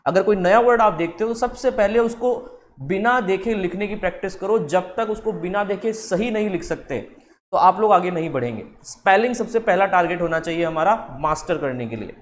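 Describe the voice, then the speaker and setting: Male tutor, high-pitched, drawn-out terms, faint background noise. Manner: explains with slow drawn-out English words. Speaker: English teacher. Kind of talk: spoken English lesson.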